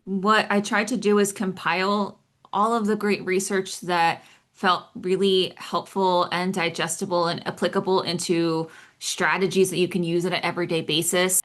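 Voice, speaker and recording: A woman, a psychologist co-hosting a podcast, explaining calmly and at a measured pace with everyday examples. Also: medium pitch.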